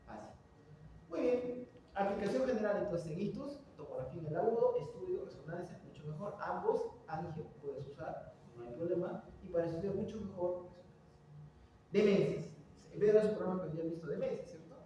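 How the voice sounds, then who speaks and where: A man's voice: high-pitched, a little fast, far from the mic, a little hiss or hum. Man lecturing in an echoey hall. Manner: animated, quizzing students with rhetorical questions. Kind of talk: classroom lecture.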